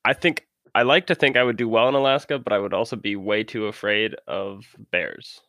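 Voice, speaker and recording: A man's voice: on the low side, a little fast, a bit bright, no room sound, clean studio sound. A man from Minnesota hosting a casual interview, asking questions in a laid-back way. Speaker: host.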